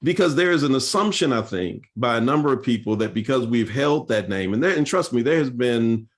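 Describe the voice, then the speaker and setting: A man's voice: medium pitch, lively intonation, brisk. A male pastor speaking at a seminar, telling church history in an earnest, storytelling way with frequent fillers and restarts.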